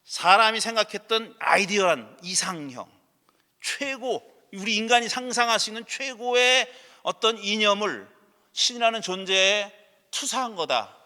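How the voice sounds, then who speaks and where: A man's voice: high voice, sharp tone, big-room sound. A middle-aged male pastor preaching a sermon in a conversational way, asking rhetorical questions and waving off views he rejects. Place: church sanctuary.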